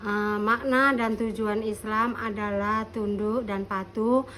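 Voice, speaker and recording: Slow, even woman in her fifties. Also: medium pitch, a little hiss or hum. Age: 50s. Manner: short, firm statements. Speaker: interviewee. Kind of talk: casual interview answers.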